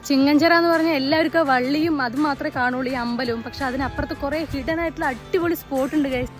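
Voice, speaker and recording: High-voiced Malayali woman vlogger mixing in English. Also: fast talker. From Palakkad, Kerala, India. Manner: mixes English words into Malayalam; exclamatory, addresses viewers often. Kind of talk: casual on-the-go vlog chat. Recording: crowd chatter and music behind.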